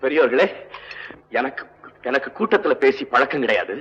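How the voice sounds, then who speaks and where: An actor playing a humble, earnest male musician who speaks haltingly and emotionally, on an old film soundtrack. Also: medium pitch, animated, long reverb tail, lo-fi sound, very noisy, close to an everyday voice.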